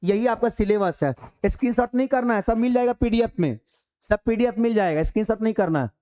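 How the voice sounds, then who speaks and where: Animated male teacher. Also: high voice, fast. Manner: animated, preachy, rhetorical questions. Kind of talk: lively classroom lecture.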